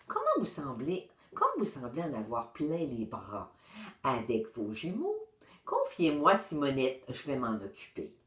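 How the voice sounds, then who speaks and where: Sly dignified farm animal voiced by a woman, calm, measured, slow, roomy sound. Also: exaggerated voice. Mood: polite. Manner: calm, measured, low-key. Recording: roomy echo.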